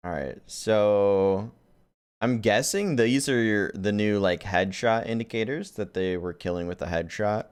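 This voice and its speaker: Deep voiced dude hyping up a game trailer, super casual and chatty. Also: male voice, unhurried, clean tone, no echo. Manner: excited, chatty, slangy. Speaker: gaming YouTuber. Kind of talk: casual reaction commentary.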